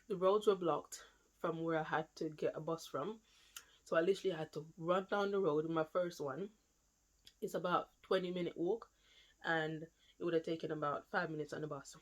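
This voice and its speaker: Young woman, London accent, slightly low voice, rambling casual storytelling vlog. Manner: chatty, rambling, many fillers and restarts. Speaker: vlogger.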